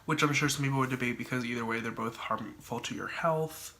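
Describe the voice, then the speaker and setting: A man's voice: mid-range voice, fairly quick, bright, forceful tone. Congested, chatty young-sounding man vlogging. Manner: chatty, thinking aloud with many likes and ums. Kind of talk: casual solo talk to camera.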